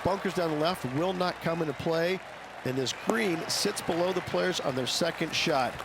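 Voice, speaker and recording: A man's voice: a little high, normal speed, creaky. A man playing a knowledgeable golf analyst in a video game, describing the course in an explanatory broadcast style. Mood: matter-of-fact. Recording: outdoor crowd noise and ambience behind.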